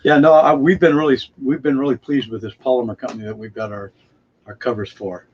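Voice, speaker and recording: A man's voice: mid-range voice, level tone, a little fast. A man chatting casually and ramblingly in a folksy way as co-host of a live stream about home growing. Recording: muffled, noisy live-stream audio.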